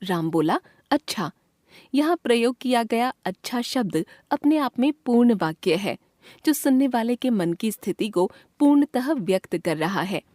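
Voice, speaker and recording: A woman reads a textbook grammar lesson in a clear, measured delivery. Her voice sits on the high side and moves animatedly as she voices each example sentence with its own expression. The recording is close and dry, with no room sound. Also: animated, darkish tone, dry recording. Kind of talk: scripted textbook lesson reading.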